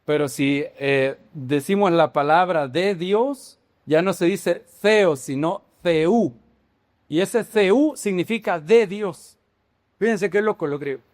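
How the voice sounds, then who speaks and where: A man preaching a sermon, emphatic and deliberate, repeating phrases and putting questions to his congregation. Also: high voice.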